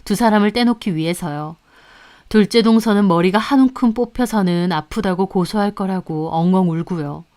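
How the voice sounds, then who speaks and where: A woman tells a family drama in the first person, narrating steadily and calmly. Her voice is smooth and clear at an ordinary pitch, with an even storytelling pace. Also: normal speed. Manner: calm storytelling. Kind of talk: scripted narration.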